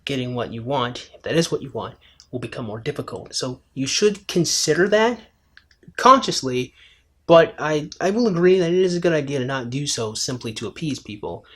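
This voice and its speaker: Male commentary host, mid pitch, chatty and lecturing, video-response style. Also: lively intonation, normal speed, breathy edge. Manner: conversational, lecturing, addresses her as "my friend".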